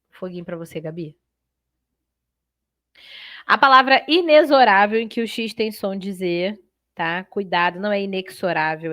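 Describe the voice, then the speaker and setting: A woman teaches Portuguese in a live online exam-prep class, lively and chatty, talking straight to her students. Her voice sits in an ordinary middle range. The sound is close and dry, with no room around it. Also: medium pitch, no echo.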